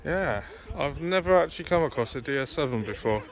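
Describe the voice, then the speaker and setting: A man's voice: fairly high pitch, animated, a little fast. A British man giving casual, matey, off-the-cuff commentary as a vlogger, recorded outdoors on a handheld phone. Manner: chatty, matey. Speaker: car show vlogger. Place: outdoors on a grassy car show field.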